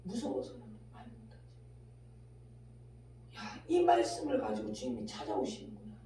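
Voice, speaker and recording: Woman preacher, high voice, fiery revival sermon, shouts then drops to a hush, rhetorical questions, very echoey hall, far from the mic, faint hum. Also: huge pitch swings, normal speed. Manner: swings between shouting and hushed, near-whispered asides; fires off rhetorical questions at the congregation. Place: large echoing prayer-house hall.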